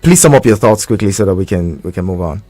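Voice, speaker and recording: A man hosting a phone-in radio show, moving callers along briskly. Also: deep voice, lively intonation, dark tone, dry recording, faint music behind. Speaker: radio talk show host.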